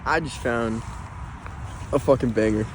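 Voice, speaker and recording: A man's voice: mid-range voice, unhurried. A man in a casual, slangy, laid-back outdoor vlog, talking as a rockhounding hobbyist. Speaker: rockhounding vlogger. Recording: loud outdoor ambience noise.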